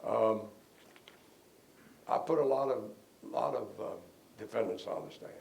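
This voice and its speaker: Older man, gravelly, relaxed rambling storyteller, mid-pitched voice. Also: measured pace. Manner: rambling, relaxed storyteller who chuckles at his own stories. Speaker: defense lawyer being interviewed. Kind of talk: anecdotal interview storytelling.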